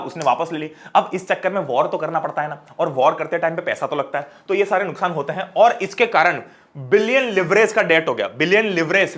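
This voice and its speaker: A man in his twenties teaching an online class lecture, energetic and chatty, talking straight to his students. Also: fairly high pitch. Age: 20s.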